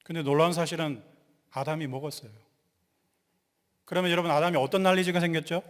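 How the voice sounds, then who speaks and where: A male pastor giving a lively sermon, quizzing the congregation and joking with them. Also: fairly high pitch, a little fast. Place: church sanctuary. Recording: long hall reverb.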